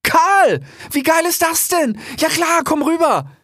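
A man voicing a young grey fox who talks eagerly and exclaims loudly. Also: very high voice, measured pace, no echo, clean studio sound, pitched above the performer's own voice, exaggerated voice. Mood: excited. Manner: excited, loud exclamations.

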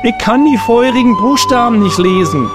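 A man's voice: high voice, expressive, fast, over loud music. A man doing a whiny timid hobbit. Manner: whining, stammering.

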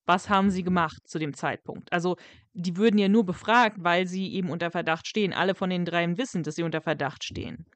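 A woman co-hosting a casual podcast, arguing her point in an animated way. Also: lowish voice, brisk, no room sound. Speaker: podcast co-host.

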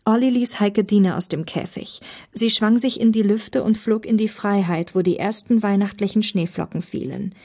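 A young woman reading her own short story aloud with lively, expressive narration. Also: mid-range voice, moderate pace, slightly rough. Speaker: narrator, author and reader.

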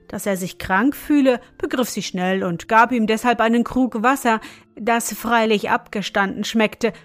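A woman narrating an audiobook story in a measured storytelling manner. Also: on the high side. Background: faint music.

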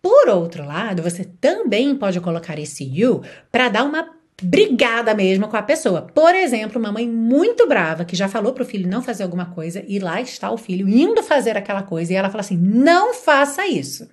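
A woman's voice: mid-range voice, very animated, fairly quick, a little mellow, slightly rough. A woman with a Brazilian Portuguese accent, teaching English in a patient lesson and acting out example phrases. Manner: explains patiently, asks the viewer questions, acts out example phrases.

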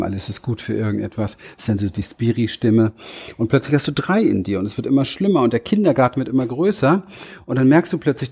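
A man who trains coaches, giving a motivational talk straight to the listener, slow and deliberate, checking in with short tag questions. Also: mid-range voice, gravelly, dark tone, breathy edge. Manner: addresses listener directly, frequent tag questions.

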